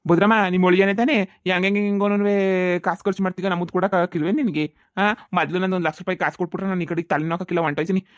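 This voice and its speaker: A man voicing a pushy, foul-mouthed moneylender in a cartoon comedy, shouting and threatening. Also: high voice, steady tone, very fast, dry recording, lo-fi sound, close to an everyday voice. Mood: demanding.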